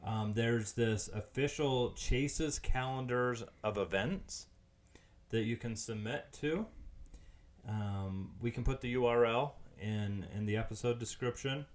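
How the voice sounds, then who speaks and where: A man's voice: mid-range voice, slow pace. A man hosting a podcast, casually reading out facts with frequent hesitant ums. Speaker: podcast host.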